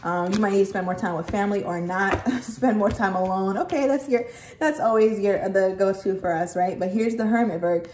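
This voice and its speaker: A woman's voice: medium pitch, brisk, a little mellow. A woman giving a casual tarot reading, chatty and emphatic, swearing freely and checking in with "okay" again and again. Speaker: tarot reader. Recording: echoey room, faint noise.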